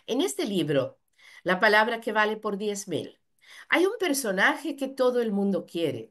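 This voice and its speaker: Lively higher-voiced woman interpreter. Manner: fluent, rendering in first person. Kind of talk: consecutive interpreting at a seminar.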